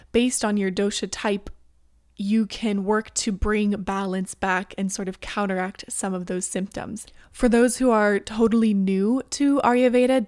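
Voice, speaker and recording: An upbeat woman hosts a wellness podcast in a chatty, easygoing way. Her voice sits at a middle pitch and is recorded close and dry, with no room sound. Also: darkish tone, no room sound. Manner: upbeat, chatty, with frequent "you know". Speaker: podcast host. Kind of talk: podcast intro and interview.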